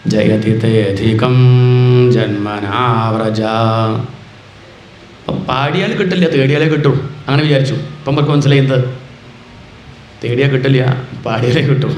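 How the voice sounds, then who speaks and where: A man's voice: medium pitch, slight background noise. A man delivers a devotional discourse, telling stories and posing questions he answers himself. His voice rings in a roomy, echoing space with faint ambience behind it. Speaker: spiritual lecturer.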